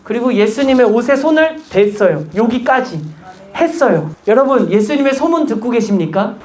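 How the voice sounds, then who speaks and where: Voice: mid-range voice, mellow. A pastor preaching a sermon in church, urging the congregation with repeated rhetorical questions.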